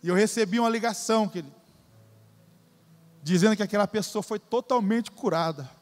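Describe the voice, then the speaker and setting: High-voiced Brazilian preacher in a reverberant hall. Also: male voice, a little fast. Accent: Brazilian Portuguese. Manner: emphatic, repeats phrases, addresses crowd as "querido". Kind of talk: sermon. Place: church.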